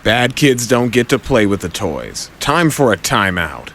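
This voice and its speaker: A cocky young superhero as a man performs him tosses out teasing quips. The delivery is breezy and highly animated, friendly and playful, in an audio drama with faint noise behind it. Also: measured pace.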